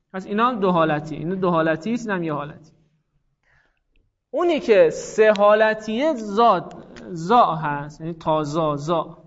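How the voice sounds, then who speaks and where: Animated high-voiced male teacher. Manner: animated, praises students, repeats examples slowly. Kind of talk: classroom lesson on Arabic morphology. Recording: dull lo-fi classroom recording.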